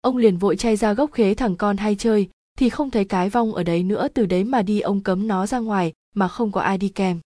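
A woman narrating a spooky village story in a steady, even storytelling tone. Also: mid-range voice, a little fast, few pauses, no echo, clean studio sound.

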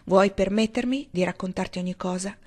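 An impassioned young husband in a storybook, urgent and earnest, rushing through declarations, as a female narrator reads him. The voice stays near the narrator's own, lifted by emotion. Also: mid-range voice, close to an everyday voice. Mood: explaining.

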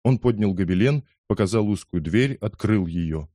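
A man reading a first-person story aloud in a measured storytelling manner. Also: fairly low pitch, lively intonation, dark tone, no echo, studio quality. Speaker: audiobook reader. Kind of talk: scripted first-person narration.

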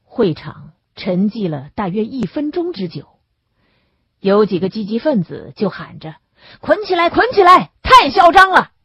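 A woman narrates an audiobook with expressive, lively intonation and a strongly husky, breathy voice. The recording is dry and close, with a dull lo-fi sound. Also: on the low side, no room sound. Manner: expressive storytelling.

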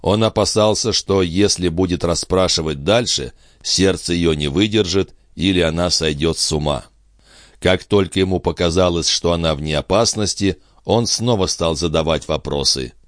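A man narrating an audiobook in a measured, expressive reading. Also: sits low, dry recording, studio quality.

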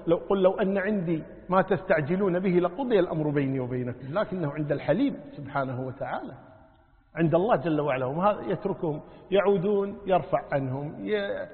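A man's voice: high voice, quick pace, husky. A man, a sheikh giving a religious lesson and answering questions, explaining patiently, repeating key points and quizzing his listeners. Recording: tinny lo-fi recording in a reverberant hall.

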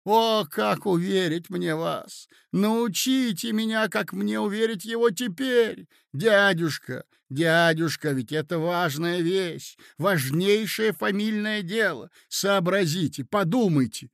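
Flustered young suitor, high pleading tone, a slightly gravelly edge; man acting. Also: slow, hardly any pauses, dry recording, studio quality, exaggerated voice. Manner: pleading, urgent, blurting.

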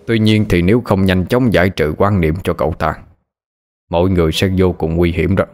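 A man voicing a calm, wise old grandfather who draws protective charms. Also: low-pitched, a little fast, close to an everyday voice. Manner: calm, reassuring.

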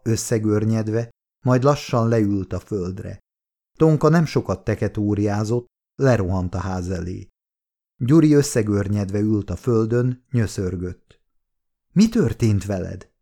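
A man reading an audiobook in a steady, measured scripted narration. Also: fairly low pitch.

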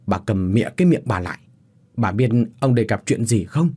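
A man's voice: mid-range voice, lively intonation, normal speed, mellow, breathy edge. A man voicing a cruel, bad-tempered old village strongman in a spoken horror story, barking insults. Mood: furious. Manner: barking and abusive.

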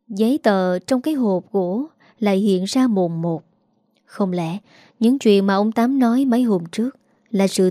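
A woman with a Southern Vietnamese accent calmly narrating a story. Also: mid-range voice, dry recording, clean studio sound. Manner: calm, measured storytelling. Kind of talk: scripted narration.

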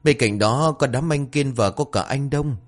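A man's voice: mid-range voice, normal speed, soft background music, voice pushed up, close to an everyday voice. A man voicing a frightened young boy in a read-aloud family story, stammering as he answers. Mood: scared.

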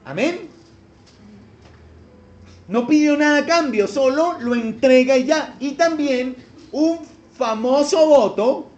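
A man's voice: extremely high pitch, a little mellow, muffled recording. A man with a Colombian accent preaching a sermon as a pastor, often checking in with his listeners with short questions. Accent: Colombian Spanish. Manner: asks the congregation frequent check-in questions.

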